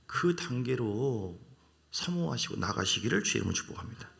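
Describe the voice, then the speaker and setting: A male pastor with a Jeolla Korean accent, preaching a sermon in an animated way and acting out the voices of the people he quotes. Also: mid-range voice, a little fast, creaky.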